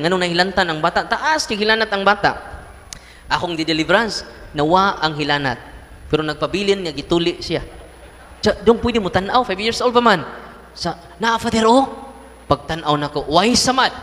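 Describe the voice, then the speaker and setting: A Cebuano-accented priest preaches with a bright, forceful voice that carries. His pitch sits a little high for a man, and his sermon is lively and playful as he acts out the people in his stories. His voice rings with the long reverb of a large hall. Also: moderate pace, long pauses. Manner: animated storyteller, acts out voices and laughs.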